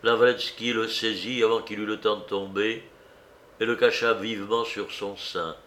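A man narrating a classic novel as an audiobook, in a measured, even reading. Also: fairly low pitch.

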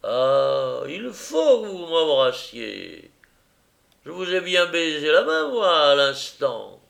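A man voicing a drunk, overwrought middle-aged man who pleads and mocks in a high, loud, swooping voice. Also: big pitch swings, takes it slowly, creaky, exaggerated voice. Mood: agitated.

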